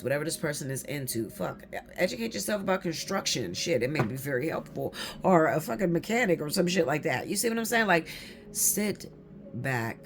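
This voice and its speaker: A woman giving a casual tarot reading to her viewers, blunt and swearing freely, often checking in with "okay?". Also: very deep voice. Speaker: tarot reader.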